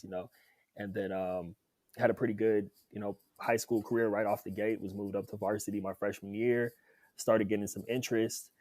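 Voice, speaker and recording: A man's voice: fairly low pitch, mellow, no echo. A young man, a podcast guest and former football player, telling his story in an upbeat, chatty way. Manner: upbeat, chatty, laughs easily. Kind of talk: casual interview storytelling.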